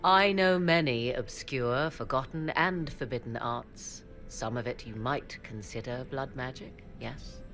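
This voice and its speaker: A very deep woman's voice, unhurried and with few pauses, plays over background music. The actress is voicing an aloof, sardonic mage who trades in forbidden arts, speaking in a formal, antiquated style with dry, teasing asides in a game cutscene.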